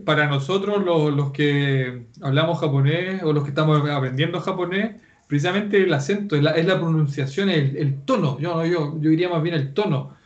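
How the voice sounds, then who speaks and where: A man's voice: a little high, normal speed, few pauses. Man, Chilean accent, Japanese teacher, enthusiastic, restarts words, dull lo-fi sound. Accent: Chilean Spanish. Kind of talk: casual online class chat.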